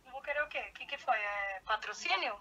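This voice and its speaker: A woman's voice: fairly high pitch, expressive, fast talker, pushed and bright, slight background noise. A woman talking over a phone on speakerphone from her car, blunt and impatient in casual chat. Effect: heard over a phone on speakerphone. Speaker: friend being pranked on a call. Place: in her car in a city center.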